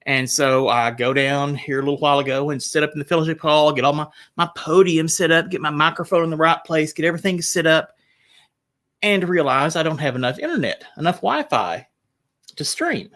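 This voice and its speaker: A man's voice: on the high side, a little fast, fairly bright tone. A pastor talking casually to his livestream Bible study from a small church room, rambling a little with restarts. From United States. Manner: chatty and rambling, with restarts and laughs.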